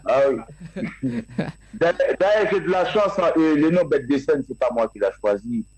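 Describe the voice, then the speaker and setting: A man being interviewed about his music, answering in a halting way with many fillers and restarts. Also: a little high, animated, a little mellow, slightly rough, no room sound, poor audio. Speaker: guest musician.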